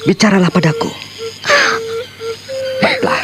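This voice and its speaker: A gentle devoted lover hero. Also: male voice, sits high, huge pitch swings, a little slow, heavily acted, poor audio. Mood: coaxing. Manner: tender, coaxing. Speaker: radio drama actor. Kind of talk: radio drama acting. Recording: radio drama with loud music behind.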